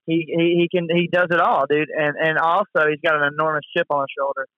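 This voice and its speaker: A man's voice: fairly high pitch, flat delivery, quick pace, dry recording, highs cut off. A man chatting casually about sports as a co-host, enthusiastic and full of bro-ish slang, often repeating himself. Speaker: co-host of a sports talk show.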